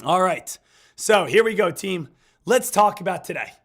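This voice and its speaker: A man with a hoarse smoker's rasp, getting over an illness, hosting a high-energy live stream about stock trading. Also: animated, moderate pace. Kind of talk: hyped live stream market commentary.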